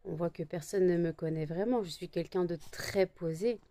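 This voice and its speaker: A French woman vlogging casually to camera, with a high, shrill voice, tired and barely awake, rambling with many fillers and restarts. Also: moderate pace, dark tone.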